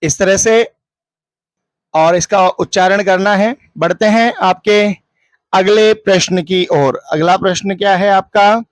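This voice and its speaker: A woman Sanskrit teacher going through an exam paper, posing questions and answering them herself, and chanting verses slowly. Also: medium pitch, dry recording. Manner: asks and answers her own questions; recites verses in a slow chant. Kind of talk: exam paper walkthrough lesson.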